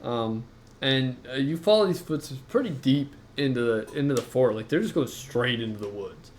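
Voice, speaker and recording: A man narrating a tabletop game as game master, halting and full of fillers. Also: mid-range voice, animated, slight background noise.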